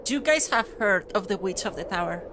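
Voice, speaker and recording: A woman game master narrating a tabletop game in a relaxed way, with chatty fillers. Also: mid-range voice, brisk, noisy background.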